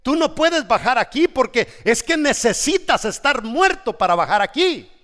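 A man's voice: very high voice, sing-song, normal speed, fairly bright tone, voice pushed up, full character voice. A man voicing a defiant male devil who challenges Jesus, in a raised, confrontational preaching voice. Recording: echoey church hall.

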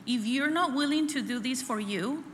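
In an echoey hall with faint room noise, a high-voiced, middle-aged woman from El Salvador shares her testimony at a church women's conference. She speaks earnestly but haltingly and repeats phrases often.

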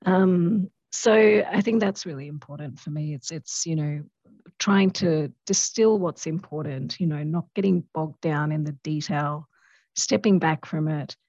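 A woman's voice: sits low, a little slow, a little mellow, no echo, muffled recording. A woman who is losing her voice, a lawyer speaking as a podcast guest in a thoughtful way, with many fillers and restarts. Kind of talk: casual interview conversation.

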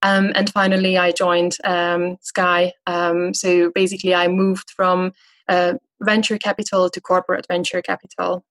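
A woman's voice: lowish voice, little pitch movement, normal speed, fairly bright tone. Woman, thirties, hesitant, lots of fillers, interview guest. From Hungary. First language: Hungarian. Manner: hesitant, frequent filler sounds. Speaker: guest investment manager. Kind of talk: conversational interview answers.

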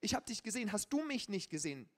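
Sex: male. Figure: a preacher voicing a pleading, loving father in a scripture reading. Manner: emphatic, repeated pleas. Pitch: high. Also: very animated, fast, a bit bright.

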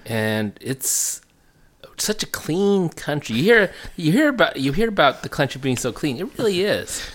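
Halting, chatty man as podcast guest. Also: a little high, sing-song, fairly bright tone. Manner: halting, repeats words and restarts sentences. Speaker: food enthusiast interview guest. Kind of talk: casual storytelling chat. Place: home basement.

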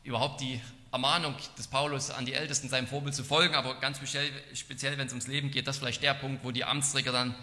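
A man preaching an expository sermon in an earnest, measured way. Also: medium pitch, level tone, sharp tone. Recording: long hall reverb.

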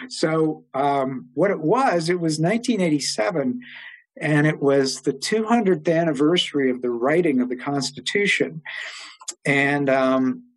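An older man, an interview guest, telling long stories in a rambling way with many pauses and fillers. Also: on the high side, low-quality recording. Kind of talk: oral history storytelling.

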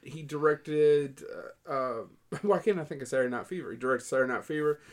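A man's voice: fairly high pitch, brisk. A man co-hosting a podcast, chatting casually in a joking, offhand way. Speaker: podcast co-host. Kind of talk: casual chat.

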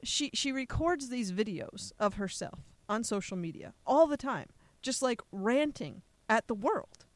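A woman's voice: a little high, lively intonation, measured pace, few pauses, no echo. A woman hosting a casual podcast, chatty and sarcastic. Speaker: podcast host.

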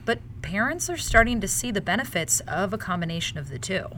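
A woman co-hosting a news podcast, moving between scripted reads and casual chat with an expressive delivery. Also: mid-range voice, a little fast, a crowd in the background. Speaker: podcast co-host.

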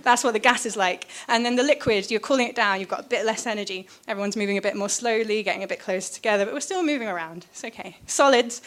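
Fast and hardly pausing, the woman's medium-pitched voice has a slightly bright quality. She's a scientist chatting about physics informally with listeners, eager and full of fillers as she restarts her sentences.

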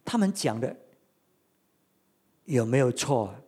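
A preacher giving a sermon, retelling a story with many rhetorical questions and swings between loud and quiet. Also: mid-range voice, animated, slow pace, breathy edge.

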